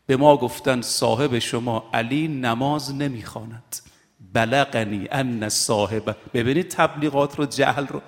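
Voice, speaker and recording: A man giving a sermon as a storyteller. He swings between hushed and loudly impassioned stretches and recites passages in Arabic. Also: mid-range voice, steady tone, few pauses. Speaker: preacher. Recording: long reverb of a hall.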